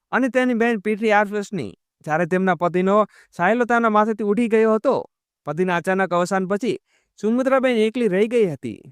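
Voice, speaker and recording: A man narrating a moral story at a steady pace and calling his listeners friends. His voice is fairly high for a man and very smooth and clear, recorded close with no room sound. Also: dry recording.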